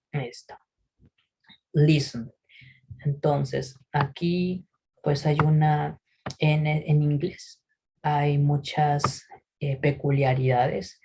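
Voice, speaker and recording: A man teaching English pronunciation in a recorded lesson, patiently explaining and often checking in with a quick "¿sí?". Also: fairly high pitch, darkish tone, husky, rough recording. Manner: models English words slowly for repetition.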